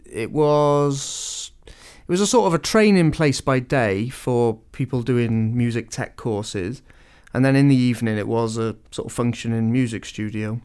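Hesitant man with a smooth voice. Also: mid-range voice, a little slow, a little mellow. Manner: hesitant, many ums and restarts. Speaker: radio show co-host. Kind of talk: casual radio chat.

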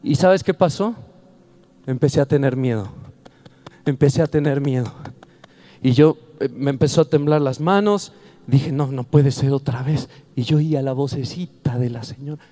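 A man's voice: medium pitch, moderate pace, long pauses, warm tone. A man preaching a sermon. He tells a personal story and builds to fervent exhortation.

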